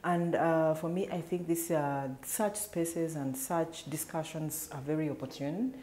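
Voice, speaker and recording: Deep, dark-toned woman from Uganda. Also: fairly even intonation, a little slow, slight background noise. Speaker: workshop participant. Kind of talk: interview answer.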